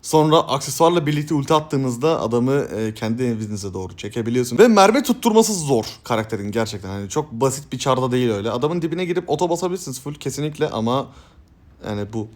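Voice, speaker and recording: A young man commenting excitedly on his gameplay, hoarse from shouting, jumping between loud high yelps and low mumbled asides. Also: quick pace. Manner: bursts into loud high yelps and laughter, then drops to mumbling. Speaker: gaming streamer.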